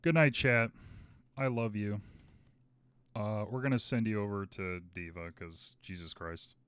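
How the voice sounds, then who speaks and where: A man's voice: lowish voice, measured pace, clear, resonant tone, no room sound. A man streaming a roleplay game, chatting casually with his viewers, exclaiming and swearing at the chaos. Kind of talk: casual out-of-character chat with viewers.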